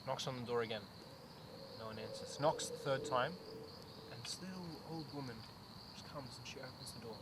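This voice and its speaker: A young man acting in an amateur film, casually telling a scary story by a campfire, often dropping his voice low. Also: fairly quick, pauses often, heavy background noise, lightly acted. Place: outdoors at night in the bush. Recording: outdoor night, loud insects.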